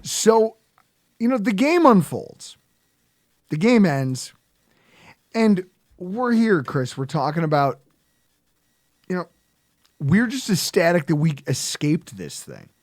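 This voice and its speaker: A lively man tells stories in casual podcast chat, laughing as he goes. His voice is fairly high and swings widely in pitch. The recording is close and dry. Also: takes it slowly, long pauses, no echo. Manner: animated, laughing storyteller. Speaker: podcast co-host.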